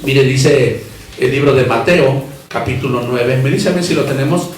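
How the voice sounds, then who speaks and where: A man with a Mexican accent, a pastor preaching a fervent sermon that moves from quiet asides to shouted emphasis and questions to the congregation. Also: mid-range voice, normal speed, slight background noise. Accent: Mexican Spanish. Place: church hall. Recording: echoey room from far off.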